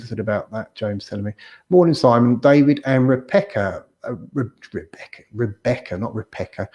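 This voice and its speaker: A man from England hosts a casual live stream from home, working through viewer comments in a loose, rambling way. His voice sits at an ordinary middle pitch, and he fills gaps with ums and joking asides. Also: a little mellow. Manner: rambling, chatty, filler-heavy, joking asides. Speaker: host of a live property stream. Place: home, garden nearby.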